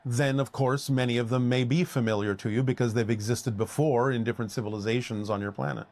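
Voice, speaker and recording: A man with a formal, deliberate delivery who drags out key phrases and always speaks as a collective "we". His voice sits mid-range and is recorded close and dry, with no room sound. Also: medium pitch, steady tone, a little mellow, dry recording. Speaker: channeled speaker answering questions. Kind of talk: question-and-answer session.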